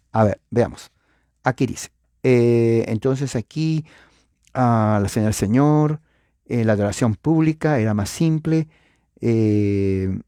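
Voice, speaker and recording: Warm-voiced man giving a chatty lecture. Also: lowish voice, no room sound, clean studio sound. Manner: chatty, rhetorical questions, frequent filler sounds; speaks directly to viewers. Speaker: church history teacher. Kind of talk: informal lecture.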